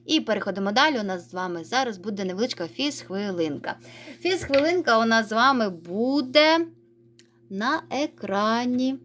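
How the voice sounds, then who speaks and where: A woman teacher giving a recorded reading lesson to young children, praising them and slowly drawing out words as she models reading. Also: on the high side, animated, a bit bright. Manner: encouraging, sing-song, stretches words slowly when modelling reading. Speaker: primary school teacher.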